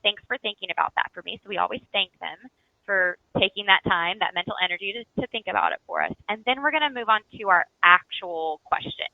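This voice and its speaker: A woman coaching agents through prospecting scripts, casual and conversational, tagging points with a quick "right?". Her voice comes through a narrow, phone-like band that is flat and dry, with no room sound around it. She slips into livelier tones when voicing the people she describes. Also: medium pitch, vocal fry, no echo. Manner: chatty, coaching, often tags with "right?"; acts out homeowner replies in livelier voice. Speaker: real estate trainer. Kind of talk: recorded training lesson.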